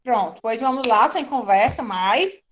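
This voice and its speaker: A woman's voice: fairly high pitch, expressive, measured pace, muffled recording, a little hiss or hum. A woman with a Brazilian Portuguese accent teaching an online class, reassuring and often asking "tá certo?".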